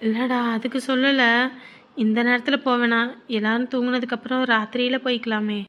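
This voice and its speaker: A woman's voice: fairly high pitch, level tone, brisk, dull audio, close to an everyday voice. A woman playing a timid young wife. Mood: anxious. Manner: timid, hesitant. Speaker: wife afraid of her mother-in-law.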